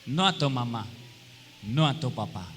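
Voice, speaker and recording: A man's voice: medium pitch, lively intonation, unhurried, fairly bright tone. A pastor preaching a sermon to his congregation, often asking them questions and acting out little quoted scenes with humor. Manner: call-and-response questions to the congregation. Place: church hall. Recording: long hall reverb with faint room noise.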